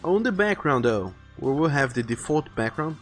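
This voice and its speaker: Over background music, a man livestreams while illustrating a visual novel, chatting casually and thinking his artwork plans out loud. He rambles and rephrases as he goes. His voice sits a little high, swings widely in pitch, and moves at a normal speed.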